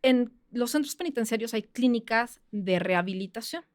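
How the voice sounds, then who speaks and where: A woman with a Mexican accent, a criminologist guest on a podcast, explaining things in a chatty way with quick asides. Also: fairly high pitch, lively intonation, no room sound, studio quality. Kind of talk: casual podcast interview.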